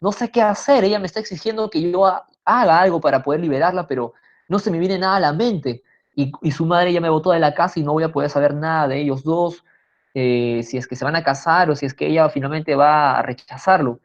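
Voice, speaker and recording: A woman's voice: deep voice, a little fast, lightly acted. A woman voicing a desperate, lovesick young man who pleads in a slightly raised voice, in a dull lo-fi recording. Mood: despairing.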